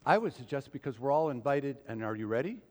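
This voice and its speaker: A man's voice: mid-range voice, animated, fast. A man preaching a sermon as pastor, talking to the congregation in a loose, conversational way with frequent asides. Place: church sanctuary. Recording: long reverb of a church hall.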